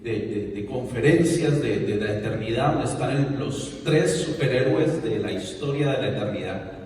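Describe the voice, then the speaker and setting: A man preaching a lively sermon as pastor, mixing teaching with playful impressions. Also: mid-range voice, normal speed, a little hiss or hum. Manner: emphatic preaching with playful impressions and stutter mimicry. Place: church hall. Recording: echoey hall, voice from far off.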